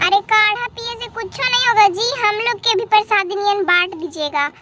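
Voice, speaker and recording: A woman's voice: very high voice, normal speed, noisy background. A woman voicing a bossy old village grandmother, nagging in rustic dialect. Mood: scolding.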